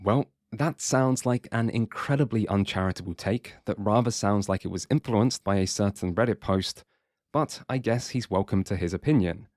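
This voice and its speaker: Male essay narrator, lower register, sardonic scripted delivery, dry studio sound with faint music. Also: a little mellow, dry recording.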